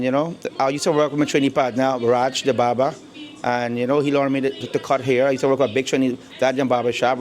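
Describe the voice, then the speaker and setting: A barbershop owner from Guyana, middle-aged and speaking in a medium-pitched, slightly mellow voice, talks easily about his shop in a casual interview held indoors there. His Guyanese accent comes through, along with repeated words and frequent "you know" fillers.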